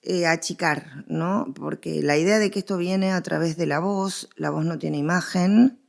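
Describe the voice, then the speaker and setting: Being interviewed about her research on radio history, an Argentine-accented woman talks in a gravelly voice on the low side at a measured pace. Her explanation is conversational, with repetition and examples used for emphasis.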